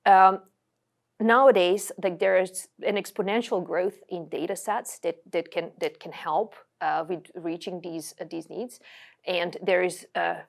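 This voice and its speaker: A woman's voice: lowish voice, gravelly. A woman from Serbia in her forties, giving a webinar talk with frequent fillers and restarts. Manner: many fillers and restarts, uses "like" often. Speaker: guest speaker. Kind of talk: webinar presentation.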